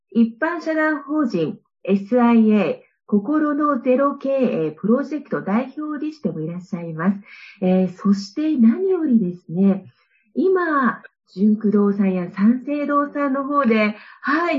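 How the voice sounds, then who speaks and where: A woman's voice: fairly high pitch, muffled recording. A woman hosting a radio show in a formal presenting style, speaking extremely polite, honorific Japanese.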